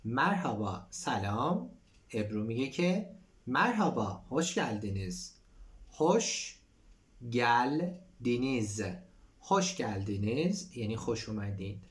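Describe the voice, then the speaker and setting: Man, language teacher, reads Turkish lines then explains them, mid-pitched voice. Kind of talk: explaining a textbook dialogue.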